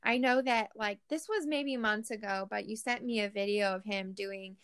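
A woman's voice: mid-range voice, normal speed, fairly bright tone, clear, resonant tone. A woman hosting a podcast interview, talking earnestly with many fillers and restarts. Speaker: podcast host. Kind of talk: conversational interview.

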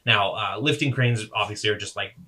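A man's voice: lowish voice, brisk, bright, forceful tone. A young man narrating as game master, describing scenes in a rambling way with fillers and self-corrections.

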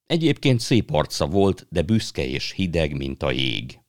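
A man reading a children's fantasy novel aloud in calm, measured storytelling. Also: a bass voice, no echo, clean studio sound. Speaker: narrator. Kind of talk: audiobook reading.

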